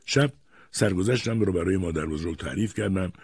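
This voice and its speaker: Very husky low-voiced male narrator. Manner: expressive storytelling. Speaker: audiobook narrator. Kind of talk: scripted narration.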